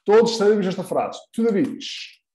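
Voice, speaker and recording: A man with a European Portuguese accent teaching English in a live online lesson, patiently repeating example phrases slowly and clearly. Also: high-pitched, big pitch swings, dark tone, reverberant.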